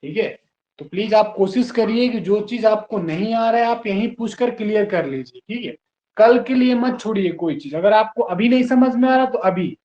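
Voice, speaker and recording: A man teaching English to a class, patiently spelling words out letter by letter and encouraging his students. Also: sits high. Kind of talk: classroom lesson. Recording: roomy, dull lo-fi classroom recording.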